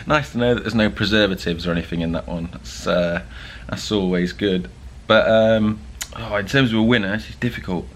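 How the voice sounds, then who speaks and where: A young man talks casually to camera as a vlog host, chatty and joking, with plenty of ums and uhs. His voice sits a little low. A faint hum of ambience stays under him. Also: brisk. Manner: chatty and joking, with frequent fillers.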